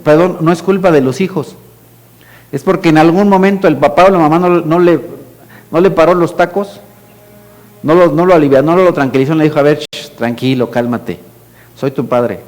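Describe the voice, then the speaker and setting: A middle-aged Mexican pastor preaches in a relaxed, conversational style with a slightly high voice. He often drops into a soft, hushed tone when he acts out a parent speaking. His speech is loose and talky rather than formal. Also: a little fast. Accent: Mexican Spanish. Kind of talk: sermon.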